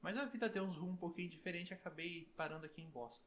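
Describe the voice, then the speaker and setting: Chatty middle-aged man, slightly high voice. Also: racing. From southern Brazil. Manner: chatty, with frequent "né?" tags and restarts. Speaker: guest, university professor. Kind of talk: relaxed interview chat.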